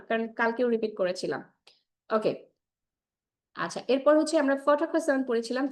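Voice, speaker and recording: A woman teaching spoken English in Bengali mixed with English, drilling sounds slowly and often checking in with the class. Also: sits high. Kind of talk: online class lesson.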